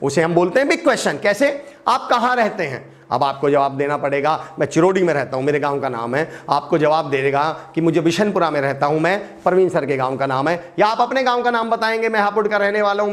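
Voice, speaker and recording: Man, high voice, animated English lesson, asks and answers his own questions. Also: fast talker. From India. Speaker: English teacher.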